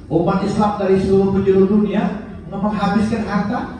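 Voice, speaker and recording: A man with an Indonesian accent preaching a sermon in a prayer hall, telling stories with big swings between high and low. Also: moderate pace, recorded from a distance, noisy background. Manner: animated storytelling, pitch swinging high and low. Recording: echoey hall, heard from afar.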